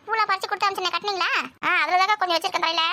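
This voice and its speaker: A woman rattles through village family banter at breakneck speed. Her voice sits very high and bright, and she scolds and nags in quick back-and-forth exchanges with the others in the household. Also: fairly even intonation, a little hiss or hum. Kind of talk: acted everyday family banter.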